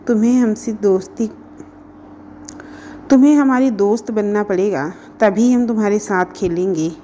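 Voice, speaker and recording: A woman's voice: medium pitch, a little slow, mellow, a little hiss or hum, natural voice. A woman reading as Harshit, a kind young boy. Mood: plain.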